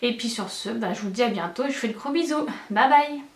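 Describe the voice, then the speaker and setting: A young woman with a slightly high voice chats as a beauty vlogger, enthusiastic and full of hesitant fillers. Her voice rings in an echoey room, recorded by a mic set some distance from her. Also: quick pace. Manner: chatty and enthusiastic, many fillers. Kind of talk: casual chat.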